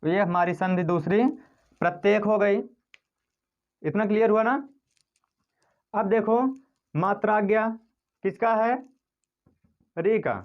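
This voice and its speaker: Male tutor, unhurried, explains step by step and quizzes his class as he goes, slightly muffled lo-fi sound. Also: sits high, fairly even intonation. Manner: asks students questions and answers them himself. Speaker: teacher. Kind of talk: classroom-style grammar lesson.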